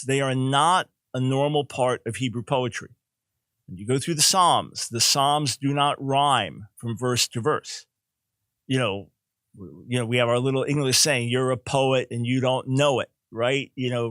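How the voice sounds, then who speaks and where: A man's voice: mid-range voice, a bit bright, dry recording. An older man hosting a call-in talk show, explaining Bible translation in an emphatic, teaching way and often repeating a word as he restarts a phrase.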